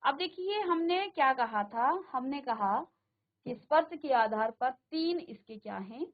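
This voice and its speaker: A woman teaching a class, slowly sounding out syllables aloud for her pupils to repeat. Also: sits high, expressive, phone-quality sound. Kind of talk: classroom lesson. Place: studio virtual classroom.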